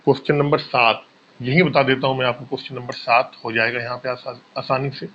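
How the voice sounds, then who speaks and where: A man's voice: mid-range voice, little pitch movement, a little fast, fairly bright tone, dull audio, a little hiss or hum. A male maths teacher explaining exam problems step by step, asking questions and answering them himself. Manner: addresses students as bhaiya. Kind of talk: exam-prep maths lesson.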